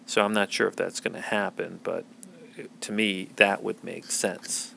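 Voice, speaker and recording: Gravelly low-voiced man hosting a tech podcast. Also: steady tone, a little slow, pushed and bright, a little hiss or hum. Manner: rambling, many fillers and restarts. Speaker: podcast host. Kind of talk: casual tech news commentary.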